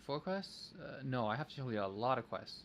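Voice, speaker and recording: Brisk and fairly bright, with big swings in a medium-pitched voice, this game streamer jokes around while playing live. He reasons out loud in playful, childlike phrasing over faint background noise.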